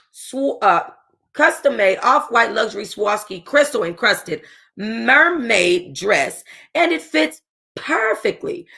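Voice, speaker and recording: A young woman reads a novel aloud to her book club in an easy, casual way, her mid-range voice bright and forceful. She trips over words and goes back to reread them, stopping now and then for chatty asides to her listeners.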